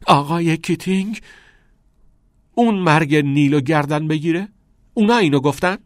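A man voicing a hotheaded, rebellious teenage schoolboy who shouts aggressively. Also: on the low side, sing-song, slightly rough, no echo, clean studio sound, heavily acted. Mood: stunned.

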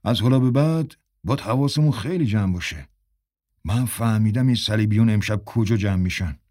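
A man's voice: fairly low pitch, warm tone, dry recording, studio quality, close to an everyday voice. A man voicing a friendly, cautious middle-aged man in a story, confiding plans in a reassuring tone.

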